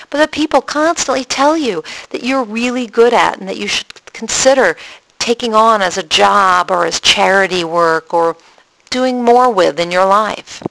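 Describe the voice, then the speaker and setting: A woman's voice: a little high, moderate pace, fairly bright tone, no room sound, rough recording. Woman coach talking earnest and explain-y, bit of um and uh, dry close mic. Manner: earnest, explanatory, with fillers and restarts. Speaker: spiritual coach. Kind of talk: coaching talk to listeners.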